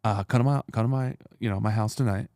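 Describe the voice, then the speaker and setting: A man's voice: lowish voice, fairly even intonation, fast talker, warm tone, dry recording, clean studio sound. A man in his thirties, an entrepreneur guest, telling blunt, profane stories in streetwise slang. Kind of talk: casual storytelling.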